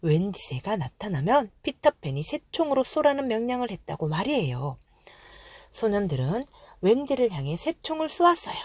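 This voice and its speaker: A woman narrates a children's storybook from a script, phrasing things in an expressive, dramatized way for young listeners. Her voice is mid-range, with no room sound.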